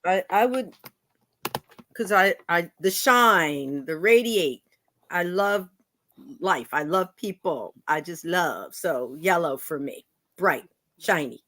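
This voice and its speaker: Agreeable woman co-host, lowish voice. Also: lively intonation, slow pace. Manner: warm, agreeable, lots of hums. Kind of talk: casual panel chat.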